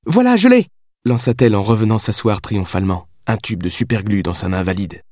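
A man reading a novel aloud as audiobook narrator, in a measured storytelling manner. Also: on the low side, fairly even intonation, a little mellow, dry recording, clean studio sound. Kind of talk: scripted narration.

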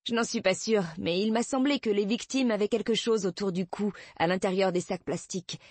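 Woman doing a curt, worn-out female cop, pitched higher than the narration; dry sound. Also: a little fast, a little mellow, dry recording, lightly acted. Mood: thoughtful. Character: brusque, exhausted female police detective.

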